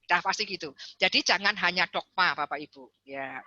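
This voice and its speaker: A woman psychologist and counselor giving a parenting talk over a video call, lively and acting out parents and children as she explains. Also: fairly low pitch, moderate pace, no room sound, lo-fi sound. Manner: animated, acts out parents and children in quotes; addresses listeners repeatedly as parents. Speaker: guest speaker, psychologist and counselor.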